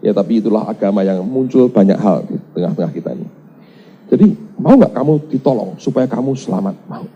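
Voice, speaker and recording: A male pastor, preaching a lively sermon and acting out the voices of people in his stories. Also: on the low side, fairly quick, breathy edge, lo-fi sound. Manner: lively storytelling preaching, acts out dialogue, mixes in Javanese phrases.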